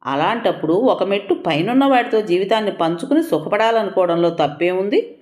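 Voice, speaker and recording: A sharp-tongued young woman chasing status, mocking and unapologetic, as a female storyteller puts her on. Her lines swing up and down, set in a roomy, echoing space for an audio storybook. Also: medium pitch, animated, fairly quick, lightly acted. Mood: scornful. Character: young woman, ambitious, status-hungry, bluntly sarcastic.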